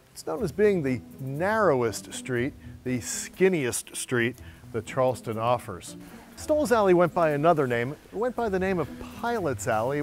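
Man, middle-aged, animated tour guide, slightly high voice, faint music underneath, outdoor lapel mic. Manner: storytelling, lively, playful asides. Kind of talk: on-camera walking tour presentation. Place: outdoors on historic city streets and alleys.

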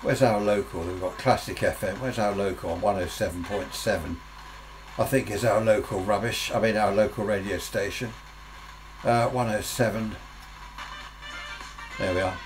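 An Englishman in his sixties or older, a radio hobbyist presenter, reviews gadgets off the cuff in a small, cluttered indoor radio workshop, rambling and musing aloud to himself. His voice sits on the low side, moving at a normal pace with long pauses. There's noticeable background noise and hum on the recording.

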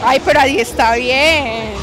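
Young woman, slow drawn-out talk, giggly, high voice, loud crowd. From Medellín, Colombia. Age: late teens. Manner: slow, giggly, short answers. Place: busy street outdoors at night. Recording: loud music and crowd noise.

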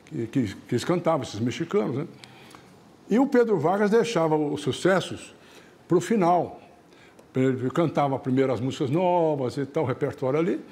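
A man's voice: a little high, lively intonation, normal speed, warm tone. Folksy male storyteller. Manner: chatty, frequent tag questions, acts out characters. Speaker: TV show host.

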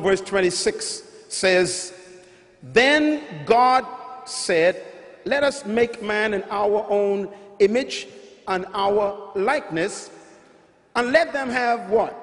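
A middle-aged Bahamian man preaches on a large arena stage to a big crowd, holding a handheld mic. His voice is high, and his sermon teaching is emphatic and repetitive, building to rising calls, with long reverb filling the huge hall.

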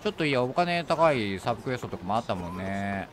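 A man's voice: mid-range voice, big pitch swings, fast, a little hiss or hum. A man with a Kansai accent chatting casually and joking while streaming a game. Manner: chatty, joking, teasing asides. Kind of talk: casual gameplay commentary.

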